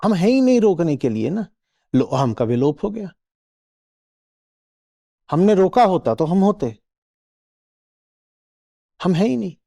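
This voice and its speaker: Lively-voiced man giving a spiritual discourse. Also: high-pitched, a little slow, vocal fry, long pauses. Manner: rhetorical questions, checks listeners follow; acts out little quoted voices. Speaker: spiritual teacher. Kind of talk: spiritual discourse to a live audience.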